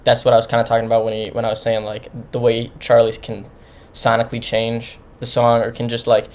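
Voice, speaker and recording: A man's voice: medium pitch, completely flat delivery, a little fast, darkish tone. A man giving an informal, rambling album review, talking casually with many restarts. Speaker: music reviewer.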